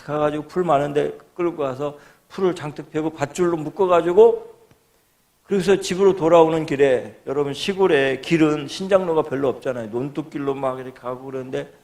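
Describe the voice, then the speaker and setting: A middle-aged male guest pastor preaching in a church, telling a personal story with animated delivery and acting out quoted prayers and voices. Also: on the high side, brisk. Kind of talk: storytelling sermon. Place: church sanctuary.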